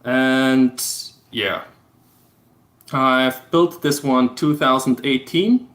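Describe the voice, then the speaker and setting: Against a roomy echo, an Austrian livestream host from Vorarlberg, a native German speaker, explains things step by step in English with his Austrian German accent. His delivery is casual, halting and low-key, and his tone is fairly bright.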